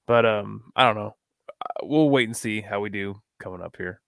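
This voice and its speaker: A man with a Missouri accent co-hosting a sports podcast, quick and joking. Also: fairly low pitch, gravelly, a bit bright, clean tone, no room sound, studio quality. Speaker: podcast co-host. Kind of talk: casual sports chat.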